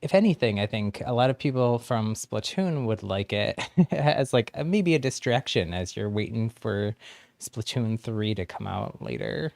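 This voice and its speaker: Chuckling frequently, a man on a game livestream walks newcomers through things in a warm, encouraging, casual manner. His voice is on the low side, creaky and darkish, with lively intonation at normal speed and no echo.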